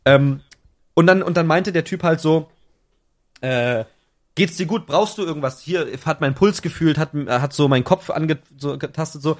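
Young male podcast co-host, slang-heavy storyteller, slightly high voice, lots of self-corrections. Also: normal speed. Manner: slangy, restless retelling with many restarts. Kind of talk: casual chat, storytelling.

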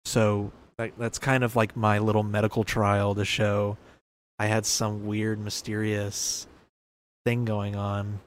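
A man's voice: lowish voice, completely flat delivery, takes it slowly. A young man in his early twenties hosting a casual solo podcast, rambling and correcting himself, laughing at his own remarks. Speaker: podcast host.

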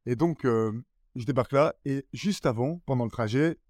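Man, Belgian French accent, comedian guest, self-mocking storyteller, dry close sound, mid pitch. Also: normal speed, a little mellow, dry recording. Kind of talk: casual podcast chat.

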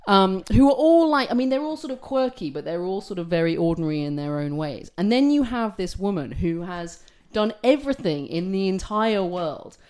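A woman's voice: medium pitch, expressive, normal speed, few pauses, darkish tone. A woman co-hosting a casual podcast chat, chatty, with many fillers and frequent laughs. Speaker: podcast co-host.

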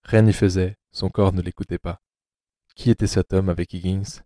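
Deep, dark-voiced male narrator. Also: steady tone, moderate pace, no echo, clean studio sound. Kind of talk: scripted audiobook narration.

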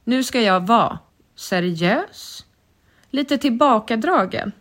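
A woman's voice: on the high side, lively intonation, fairly bright tone. A woman co-hosting a podcast, chatting eagerly, often agreeing and laughing along. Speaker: podcast co-host. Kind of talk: casual chat.

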